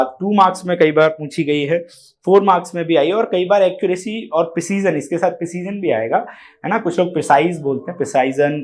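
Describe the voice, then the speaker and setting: Man, high-pitched voice, exam coaching lecture, slow read-out definitions, frequent "theek hai". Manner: explains step by step, often asks "theek hai" and "hai na"; switches between Hindi and English mid-sentence. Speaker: teacher.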